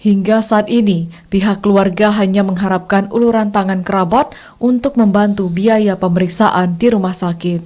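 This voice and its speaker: A female news anchor reading scripted reports in a formal, measured way. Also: medium pitch, fairly even intonation, a little mellow.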